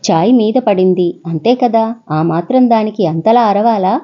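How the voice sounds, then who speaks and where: A woman doing a shrill, scolding cruel mother. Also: normal speed, lo-fi sound, natural voice.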